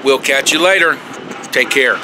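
A man's voice: medium pitch, normal speed. A middle-aged man hosting a casual food review vlog outdoors. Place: outdoor fast-food patio. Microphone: camera at arm's length. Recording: noisy outdoor traffic background.

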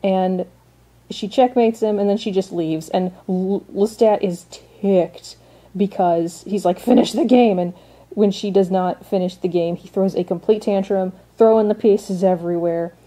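A woman's voice: medium pitch, steady tone, a little slow, warm tone. A woman giving a casual, opinionated episode recap and commentary, chatty with frequent restarts. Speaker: recap vlogger.

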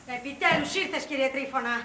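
A woman's voice: high voice, sharp tone, roomy sound, slight background noise. An actress playing a nagging housewife who scorns her husband in a 1980s comedy film. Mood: shrill scolding.

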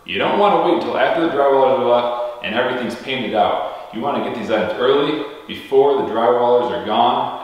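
Male builder-host, mid pitch, upbeat explainer, recorded on a camera mic in a bare room with a heavy cave-like echo and long reverb. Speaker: custom home builder. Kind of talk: walkthrough vlog explaining construction. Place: empty, freshly painted house indoors. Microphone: camera-mounted mic.

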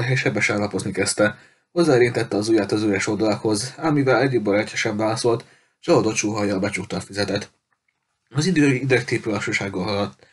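A man reading a novel chapter aloud in steady, measured narration, with the odd small stumble. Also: fairly low pitch. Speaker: audiobook reader. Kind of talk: scripted narration.

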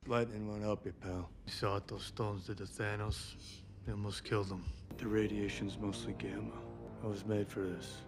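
An actor playing an earnest, sober gentle giant scientist hero in a film. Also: male voice, on the low side, little pitch movement, moderate pace, natural voice. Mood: grave, resolute. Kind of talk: film acting. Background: film music.

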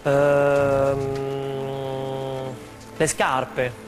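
A man's voice: mid-range voice, flat delivery, extremely slow. A man in his thirties answering briefly as a quiz contestant, tentatively thinking aloud before he commits. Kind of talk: short spoken quiz answers. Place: large TV studio. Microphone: lapel mic. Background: music.

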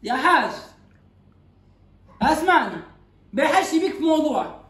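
A man with a Tunisian accent, his voice pitched up, teasing a friend in playful comedy banter. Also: sing-song, moderate pace, a bit bright. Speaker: comedy video host. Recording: roomy echo.

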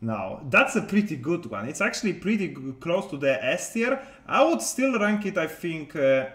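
A man's voice: fairly high pitch, big pitch swings, normal speed, fairly bright tone, echoey room. A man talking casually to his viewers as a game content creator, rambling with many hesitations and restarts, in non-native English.

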